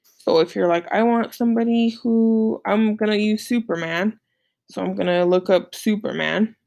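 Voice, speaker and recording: At a moderate pace, a woman with a gravelly, slightly mellow, medium-pitched voice and fairly even intonation leads a casual screen-share lesson. She walks her students through an assignment slide by slide, often checking in with quick tag questions.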